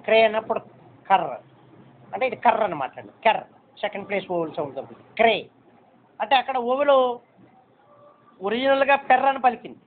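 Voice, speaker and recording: A man's voice: sits high, animated, quick pace, slight background noise. A man teaching a shorthand lesson step by step, patiently repeating points and checking that students understand. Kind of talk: step-by-step classroom instruction. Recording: tinny phone-like recording.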